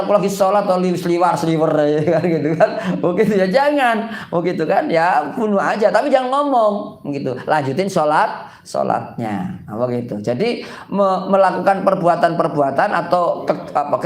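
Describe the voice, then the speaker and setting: A man serving as an Islamic preacher gives a casual, folksy religious talk, joking often, asking his audience questions, and repeating "gitu kan." His voice sits high and sounds reverberant.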